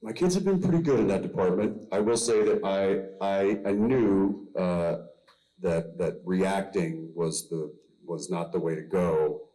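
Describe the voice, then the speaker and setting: A man on a convention panel chatting easily, halting and joking with a laugh. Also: low-pitched, mellow, low-quality recording. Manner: easygoing, halting, jokes and laughs. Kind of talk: casual panel chat.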